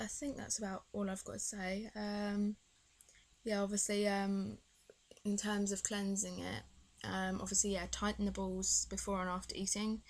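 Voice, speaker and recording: A woman's voice: medium pitch, poor audio. A young British woman chatting casually in a video diary, rambling and hesitant, her speech slightly impeded by a swollen tongue. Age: young adult. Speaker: vlogger.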